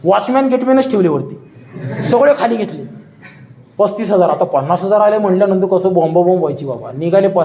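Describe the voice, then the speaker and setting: A man's voice: high voice, expressive, brisk, mellow, a little hiss or hum. A man giving a storytelling history lecture, dramatic and repetitive, acting out voices. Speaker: public speaker. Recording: echoey hall.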